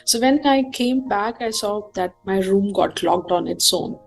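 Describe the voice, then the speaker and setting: A woman from India, speaking as a hypnotherapist guest in a casual interview and telling stories lively, acting out the people she quotes. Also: medium pitch, measured pace, gravelly, soft background music, poor audio. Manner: animated storyteller who acts out quoted people.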